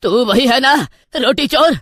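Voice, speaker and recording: A woman voicing an old limping male beggar who shouts and scolds. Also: mid-range voice, very animated, a little fast, faint music behind. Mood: scolding.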